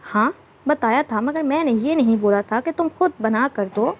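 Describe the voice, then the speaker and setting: A woman's voice: on the high side, moderate pace, natural voice. A woman voicing a coy, playful young wife in a storybook reading. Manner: teasing, coy. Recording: dull lo-fi recording.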